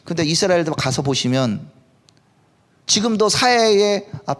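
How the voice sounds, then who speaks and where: Animated, high-pitched male pastor preaching. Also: unhurried. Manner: conversational, asks the congregation questions. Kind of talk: sermon. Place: worship hall at a live service.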